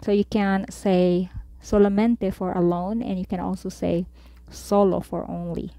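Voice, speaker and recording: A woman tutor teaching a Spanish vocabulary lesson, saying each word and then repeating it slowly for learners. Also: medium pitch, flat delivery, mellow, no echo.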